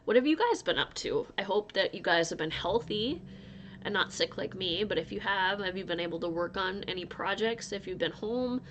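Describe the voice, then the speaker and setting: In this casual crochet vlog, a married woman from North Dakota rambles chattily to her audience, laughing and restarting frequently, her nose still stuffy as she gets over an illness. She speaks at medium pitch and a moderate pace, with an expressive, fairly bright tone. The recording has its highs cut off and slight background noise.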